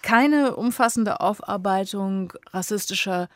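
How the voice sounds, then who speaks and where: A woman's voice: mid-range voice, measured pace. Composed woman asking interview questions. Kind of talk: radio-style interview questions.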